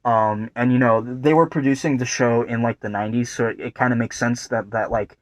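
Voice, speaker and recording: In a dry recording with faint guitar music underneath, a young host talks a bit quickly in a steady, mid-range voice. His video commentary meanders casually, loaded with fillers and profanity.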